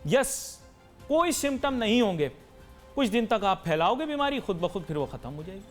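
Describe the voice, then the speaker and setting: A man's voice: high-pitched, big pitch swings, moderate pace, faint music behind. A man hosting a TV talk show, delivering an emphatic, lecturing monologue to viewers and mixing in English phrases. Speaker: TV anchor and talk show host.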